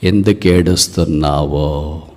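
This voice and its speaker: A man voicing a puzzled hunter who keeps gently asking a wounded bird why it weeps, in a sermon story. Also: very deep voice, slow, pitched below the performer's own voice. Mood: puzzled questioning. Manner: repeating questions, gently probing.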